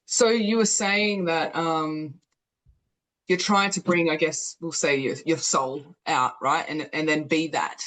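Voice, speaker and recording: Low-voiced woman therapist, gently probing. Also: fairly even intonation, slow pace. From Greek background. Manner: gentle, probing, reflective questioning. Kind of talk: therapy session conversation.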